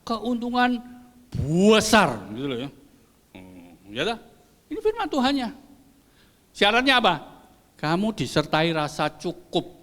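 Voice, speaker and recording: An older man preaching a sermon as pastor, lively and joking with the congregation. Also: high-pitched, measured pace, long pauses. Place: church hall. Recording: long church hall reverb.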